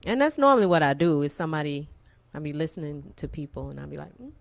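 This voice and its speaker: A woman's voice: low-pitched, very animated, quick pace, gravelly. A woman co-hosting a TV talk show in a studio, chatting casually in a playful, teasing way with slangy phrasing. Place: TV studio with event flyers on the wall.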